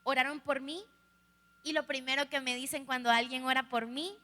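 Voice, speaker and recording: Young salvadoran woman telling her story to a crowd, high sharp voice, long echo in a big hall. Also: fairly even intonation, normal speed. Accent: Salvadoran Spanish. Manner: candid, humorous storytelling that addresses the audience directly. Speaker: youth speaker giving testimony. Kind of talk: personal testimony to a live audience. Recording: echoey hall, live stream.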